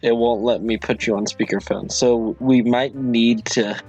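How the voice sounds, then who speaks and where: A man hosting a livestream, chatting casually with viewers in a halting, apologetic, rambling way. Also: medium pitch, steady tone, darkish tone, slightly rough, soft background music. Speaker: livestream host.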